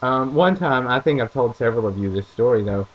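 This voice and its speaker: A man's voice: medium pitch, animated, a little fast, highs cut off. A young man with a rural American accent, telling rambling self-deprecating stories in a casual vlog. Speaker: vlogger.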